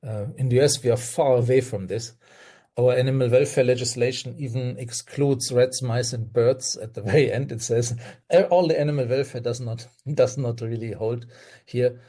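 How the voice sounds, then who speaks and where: An older man with a German accent appears as a guest toxicologist on a video-call webinar. His mid-range voice is mellow and moves at a normal speed, and he talks earnestly, hesitating with fillers and restarting his sentences.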